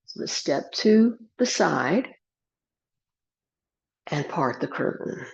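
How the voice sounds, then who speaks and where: A low-pitched woman leads tai chi with serene, unhurried cues for movement and breath. Her voice is husky with a gravelly creak, and she leaves space between short instructions. The recording sounds a bit dull and lo-fi. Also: sing-song, a little mellow.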